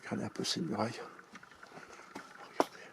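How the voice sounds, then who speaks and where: Breathless man touring a fort. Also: a little fast. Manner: enthusiastic, exclaims over views; speaks loudly over wind. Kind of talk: casual walking tour commentary. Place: outdoors at a mountain fort and its tunnels. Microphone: handheld camera mic.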